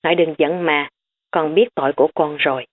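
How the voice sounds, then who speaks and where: A woman's voice: deep voice, steady tone, fairly quick. A woman voicing a carefree, joking young man from a wealthy family. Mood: playful. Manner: breezy, joking. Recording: tinny phone-like recording.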